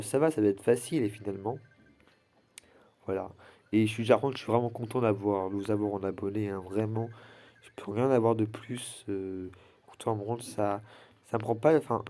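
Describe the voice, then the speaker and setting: A man's voice: lowish voice, warm tone. A teenage boy chatting casually over his gameplay, rambling with many fillers and restarts in a slightly cracking, wavering voice. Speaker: gaming channel host.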